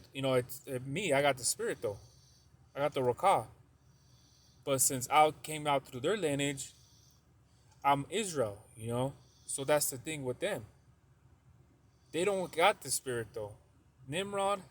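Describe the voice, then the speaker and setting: Rambling man giving a casual religious talk. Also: on the high side. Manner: rambling, heavy use of "you know" and a tag "though"; repeats points to stress them. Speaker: religious video presenter. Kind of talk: casual religious teaching monologue.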